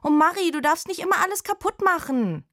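A woman's voice: sits low, expressive, normal speed, darkish tone, breathy edge. A woman voicing a sensible schoolgirl best friend in a children's storybook reading.

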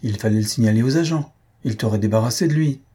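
A man reading aloud and voicing a grumpy, irritable older husband who blusters and shouts sarcastically. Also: mid-range voice, fast talker, breathy edge, close to an everyday voice. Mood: blustering.

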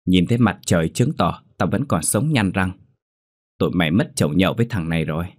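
A man voicing a cocky, boastful drunken young man in a ghost story, rattling his lines off quickly. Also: deep voice, animated. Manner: cocky, then shrieking in panic.

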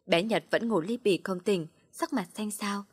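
A woman reads a story aloud in a husky, breathy voice at a steady, unhurried pace. The recording is close and dry, with no room sound. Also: mid-range voice, no room sound. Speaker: narrator. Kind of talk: storybook narration.

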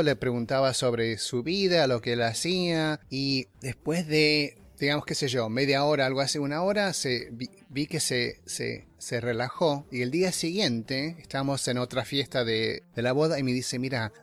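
A man's voice: medium pitch, normal speed, few pauses, a bit bright. Hesitant Argentine man, lots of fillers. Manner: hesitant, many filler sounds. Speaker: podcast guest. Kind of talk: casual conversation. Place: New York.

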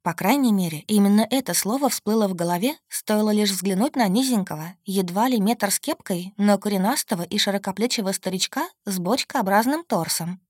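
A woman narrating a fantasy audiobook in the first person with steady, expressive storytelling. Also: medium pitch, dry recording, studio quality.

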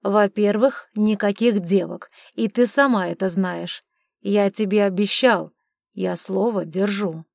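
A woman voicing a lazy, charming duke in an audiobook, talking in a calm, coaxing way. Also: mid-range voice, measured pace, creaky, no room sound, studio quality. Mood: calm, persuasive. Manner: coaxing, placid. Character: lazy, charming middle-aged male duke. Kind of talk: audiobook character reading.

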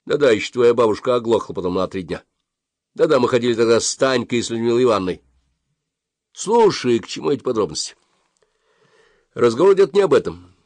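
Мужчина изображает растерянного папу. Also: male voice, medium pitch, lively intonation, a little fast, long pauses, a little mellow, no room sound, voice pushed up, lightly acted. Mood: questioning. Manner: pleading, flustered. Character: flustered, apologetic father. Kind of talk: audiobook character voice.

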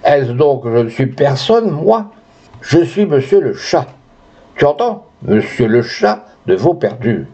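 A man's voice: mid-range voice, sing-song, a little slow, mellow, slightly rough, heavily acted. A man playing a cruel, pompous rich landowner who bullies and boasts, in a dull lo-fi recording. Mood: furious. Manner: boastful, then furious and bullying.

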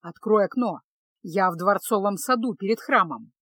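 A woman voicing a gruff, impatient young male mage who speaks low, slow and insistent, in a storybook reading. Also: lively intonation, a bit bright, no room sound, clean studio sound. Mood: commanding.

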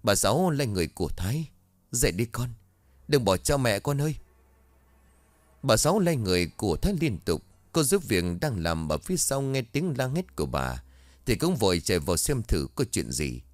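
A man reading a ghost story aloud in an expressive, dramatic way on a close mic. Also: on the low side, a little fast, no room sound.

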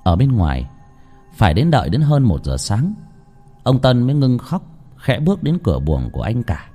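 Mellow, expressive male storyteller. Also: medium pitch, normal speed, faint music behind. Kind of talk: scripted ghost-story narration.

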